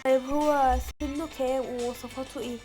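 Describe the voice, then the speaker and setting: A woman voicing a young police officer with an Egyptian accent, calm and questioning. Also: high-pitched, fast talker, soft background music, close to an everyday voice. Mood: patient.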